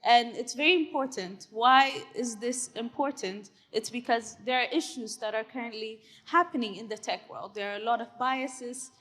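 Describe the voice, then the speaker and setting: A young woman from Ethiopia presents at a conference in a fairly high voice. She speaks earnestly and conversationally as a tech CEO, dotting her talk with fillers and tag questions like "right?". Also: normal speed, few pauses, a bit bright. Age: 20s. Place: conference hall stage.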